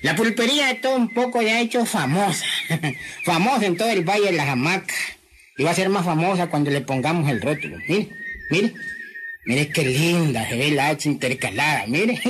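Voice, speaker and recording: A man's voice: on the high side, lively intonation, normal speed, background noise, natural voice. A giggly village sign painter played by a man. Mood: proud. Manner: giggly, teasing, polite usted. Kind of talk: radio comedy acting.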